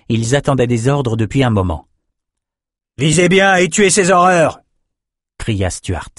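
A man reading a fantasy audiobook in a steady, measured storytelling voice. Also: medium pitch, dry recording, clean studio sound. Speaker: audiobook narrator. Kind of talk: scripted narration.

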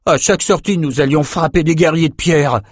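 A man's voice: fairly high pitch, brisk, breathy edge, dry recording, studio quality, voice pushed up. A man voicing a sulky, defensive young lout who grumbles his lines in a storybook reading.

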